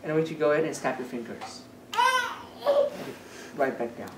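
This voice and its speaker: Speaking briskly in an extremely low voice, a woman entertains at a children's party as a magician, giving patter and directions and quizzing the young crowd. Background noise, a distant mic and an echoey room mark the recording.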